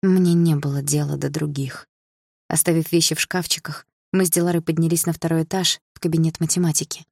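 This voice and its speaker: A woman narrating a first-person audiobook in a restrained, intense, measured way. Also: sits low, little pitch movement, vocal fry, darkish tone, no room sound, studio quality.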